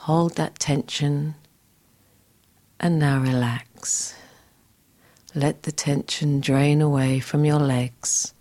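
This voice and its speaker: A woman guiding a scripted relaxation exercise in a soft, soothing, breathy, near-whispered voice. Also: extremely low pitch. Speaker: relaxation guide.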